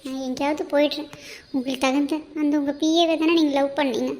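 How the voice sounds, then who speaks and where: A woman's voice: sits high, steady tone, fairly quick, a little mellow, a little hiss or hum. A woman voicing a remorseful young pregnant wife in a cartoon, talking in a tearful, pleading, self-blaming way. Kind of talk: amateur cartoon voice acting.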